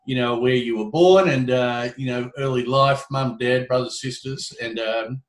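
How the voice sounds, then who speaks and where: A man's voice: mid-range voice, moderate pace. Male interviewer in an echoey room. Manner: relaxed, with filler words and short acknowledgements. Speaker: interview host. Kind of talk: interview conversation.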